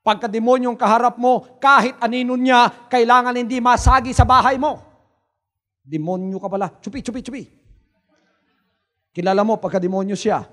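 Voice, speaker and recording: A male pastor delivers a fiery sermon, dropping to hushed asides before rising into shouts. His voice sits very high for a man. Long reverb from a large church hall trails each phrase. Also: fairly quick.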